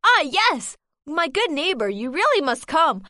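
A woman's voice: high-pitched, sing-song, unhurried, bright, forceful tone, no room sound, clean studio sound, heavily acted. A woman voicing a greedy, scheming male fox in a storybook, fawning and sweet-talking. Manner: sweet-talking, wheedling, chuckling to himself. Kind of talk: storybook character reading.

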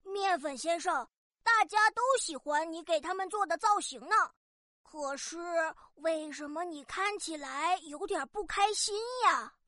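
A woman's voice: very high voice, lively intonation, unhurried, no echo, clean studio sound, heavily acted. A woman voicing a cheerful, helpful broccoli superhero boy in a children's audio story, talking eagerly. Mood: caring. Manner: eager, bright, rallying.

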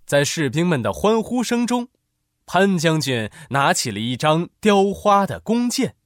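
A man narrating a children's story in an expressive, animated way. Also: on the high side, unhurried, no room sound, clean studio sound.

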